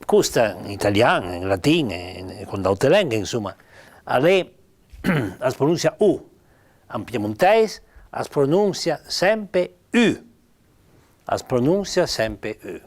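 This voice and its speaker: A man with a Piedmontese accent giving an informal spoken lesson on spelling. He is patient, says sample words slowly and more than once, and uses frequent fillers. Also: on the low side, very animated. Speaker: writer explaining spelling.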